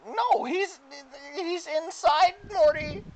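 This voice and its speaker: A woman's voice: very high-pitched, slow, darkish tone, voice pushed up. A woman voicing a frantic, eager little male creature in a strained, panicky voice. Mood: nervous.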